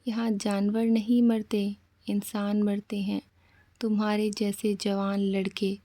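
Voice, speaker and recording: A woman's voice: mid-range voice, completely flat delivery, slow, mellow, dry recording, natural voice. A woman voicing a stern young village man who scolds and warns ominously in a horror story. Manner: scolding, warning tone.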